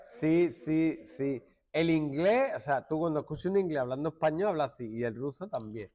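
A middle-aged man from Málaga with an Andalusian accent, teaching a joking classroom lesson and hushing his students. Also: fairly high pitch, expressive, moderate pace. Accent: Andalusian Spanish. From Málaga, Spain. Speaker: secondary school teacher.

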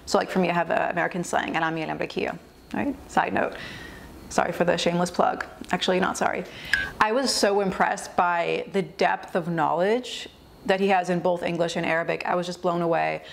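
A woman's voice: on the low side, steady tone, fairly quick, gravelly, slight background noise. A woman in her thirties hosting a channel, introducing a guest and asking him questions in an upbeat, chatty way. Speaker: host, interviewer. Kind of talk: video intro and interview. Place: indoor room.

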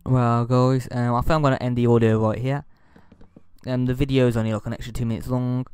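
A man narrating his building game in a loose, rambling way, often stopping to apologize. His voice sounds congested from a blocked nose and sore throat. He sits at a middling pitch and talks casually from home. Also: flat delivery, a little fast, darkish tone, smooth, dry recording. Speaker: gaming YouTuber. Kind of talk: casual gameplay commentary. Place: home room.

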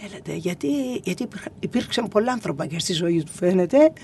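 Older woman, radio interview guest; hesitant, halting storyteller with filler sounds. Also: fairly low pitch, animated, a little hiss or hum. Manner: hesitant, many fillers, acts out quoted voices in a hushed whisper.

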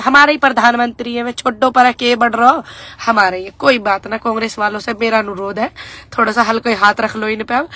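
A woman's voice: on the high side, pushed and bright, no echo. A young woman talking casually to her followers in folksy village speech. She mixes sarcastic mockery with mock-earnest pleas. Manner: sarcastic, mocking and pleading by turns; folksy, rural turns of speech. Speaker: political vlogger. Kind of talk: casual political commentary to followers.

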